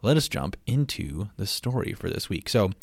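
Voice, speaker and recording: A man's voice: fairly low pitch, big pitch swings, moderate pace, husky, no echo, studio quality. A man hosting a casual science podcast, chatty and playful, with frequent ums and asides. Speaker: podcast host.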